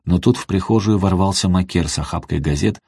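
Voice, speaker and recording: A man narrating an audiobook in a steady, even reading voice. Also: low-pitched, a little fast, vocal fry, breathy edge, dry recording, studio quality. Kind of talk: scripted narration.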